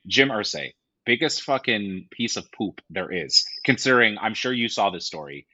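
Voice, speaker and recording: A man co-hosting a sports podcast, talking in a profane, jokey, animated way. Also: fairly low pitch, slightly rough, dry recording, muffled recording. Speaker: podcast co-host. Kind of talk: casual sports chat.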